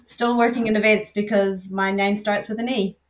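A woman's voice: medium pitch, steady tone, moderate pace. A middle-aged woman with a Scottish accent, chatting easily and telling stories as a guest in a podcast interview. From north of Scotland. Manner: chatty, storytelling, laughs easily. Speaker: guest, events association general manager.

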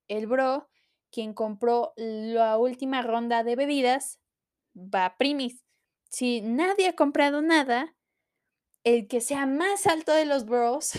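Young Mexican woman, slightly high voice, casual playful vlog commentary with sudden high exclamations. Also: slow, clear, resonant tone. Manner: chatty, animated, uses gender-neutral forms, bursts into high exclamations. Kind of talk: casual commentary reacting to a list of rules.

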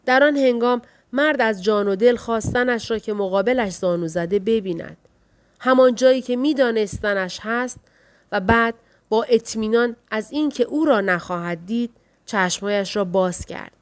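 Woman audiobook narrator, slightly high voice, steady novel narration.

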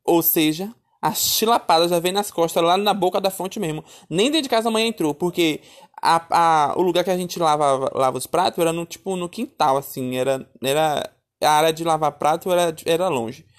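A man telling a childhood story in a lively, chatty way, calling his listeners darling and my son. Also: fairly high pitch, normal speed. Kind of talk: casual storytelling.

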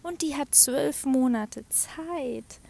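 Soft-spoken woman with a gravelly edge. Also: high-pitched, slow pace. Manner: soft, often half-whispered, reflective, laughs between thoughts. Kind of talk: personal talk about her cycle.

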